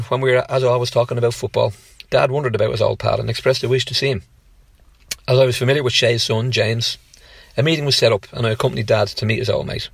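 Gravelly Irish man reading a tribute. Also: mid-range voice, dry recording. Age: 50s. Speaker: contributor reading a memoir. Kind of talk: read personal tribute.

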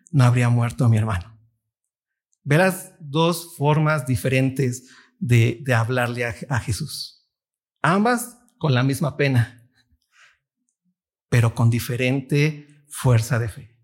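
A man's voice: a little high, slightly rough. A man preaching a sermon, reading scripture aloud and questioning his listeners. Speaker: pastor.

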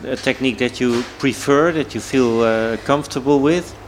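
A man interviews a guest in a relaxed way, putting short questions and answering with a brief "okay." His voice sits in a middle range. Faint ambient noise runs underneath. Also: medium pitch, moderate pace. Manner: short prompts and brief acknowledgements.

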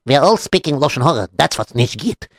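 A man voicing an excitable, gossiping male villager, repeating words frantically. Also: on the high side, fast talker, dry recording, clean studio sound. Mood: frantic.

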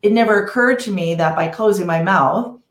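A woman in a casual podcast conversation, telling a personal story in a lively, animated way. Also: medium pitch, normal speed. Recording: roomy echo.

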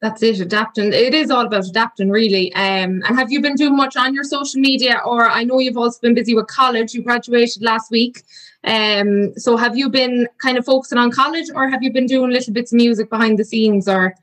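A woman's voice: fairly high pitch, fairly even intonation, brisk, fairly bright tone. A woman with a west of Ireland accent, hosting a podcast in a chatty interview style. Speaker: podcast host.

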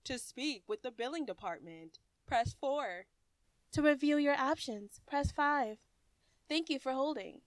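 A woman recorded as the voice of an automated phone system, reading menu options and service messages. Her voice sits fairly high and stays polite, even and measured throughout. The sound is dry and close, with no room around it. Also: no echo.

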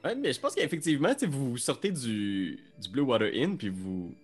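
A man with a Québécois French accent narrating a tabletop game as game master, halting and searching for words. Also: medium pitch, very animated, soft background music.

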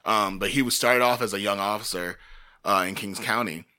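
A man's voice: fairly low pitch, normal speed, sharp tone. A man co-hosting a casual true-crime chat, rambling with lots of fillers. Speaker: podcast co-host.

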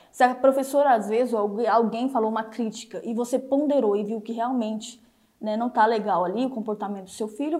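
A middle-aged woman with a somewhat high but mellow voice, chatting through relationship advice. She keeps checking in with her listener and slips into little acted-out dialogues to make her points. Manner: chatty, asks "entendeu?" constantly, acts out example dialogues. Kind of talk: casual advice talk answering viewer questions.

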